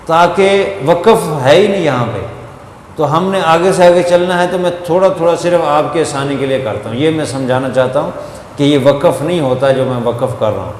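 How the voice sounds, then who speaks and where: A man's voice: a little high, a little hiss or hum. Echoey man teaching Quran reading. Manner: explains grammar step by step, chants verses slowly.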